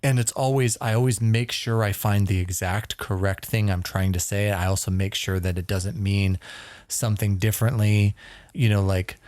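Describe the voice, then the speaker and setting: A man's voice: on the low side, fairly even intonation, normal speed, a little mellow, dry recording. A man from Northern California co-hosting a podcast, talking in casual chat with blunt, emphatic bursts and the odd swear. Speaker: podcast co-host.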